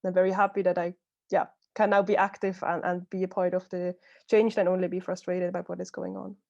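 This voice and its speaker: Panelist: woman from Switzerland, mellow low voice, halting, dull call audio. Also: little pitch movement, creaky. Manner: hesitant, repeats words while searching. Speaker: youth climate advocate, panelist. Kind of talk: online panel discussion.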